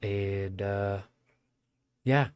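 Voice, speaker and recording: A man's voice: lowish voice, fairly even intonation, very slow, darkish tone, clean tone. A man with a nasal voice from blocked sinuses, casually giving loose, chatty play-by-play commentary on a strategy game as a streamer, swearing now and then. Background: music playing.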